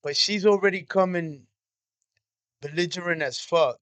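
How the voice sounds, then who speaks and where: A man's voice: high-pitched, unhurried, very noisy. A man hosting a reaction video, giving blunt, profane, matter-of-fact commentary.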